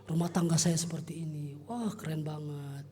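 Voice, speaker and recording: A man preaching a youth service sermon in a church hall, telling personal stories in an animated way and joking with his listeners. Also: a little high, normal speed.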